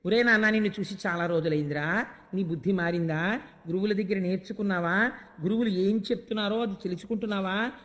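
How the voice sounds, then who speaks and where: A man playing a suspicious demon king, deep and questioning. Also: a little fast, fairly bright tone. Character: stern middle-aged demon king father questioning his son.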